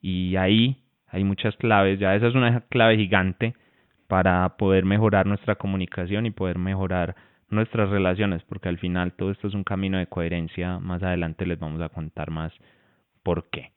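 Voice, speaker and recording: Deep-voiced man on a tinny line. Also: moderate pace, smooth, no room sound. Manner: relaxed, restarts phrases often. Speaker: co-host and relationship coach. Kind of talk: casual advice talk to viewers. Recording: tinny phone-like sound, dry.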